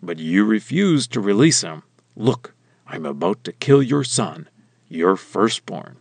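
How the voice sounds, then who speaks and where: A man voicing a stern, commanding male god in a slow, weighty scripture reading. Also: lowish voice, sing-song, breathy edge, dry recording, heavily acted.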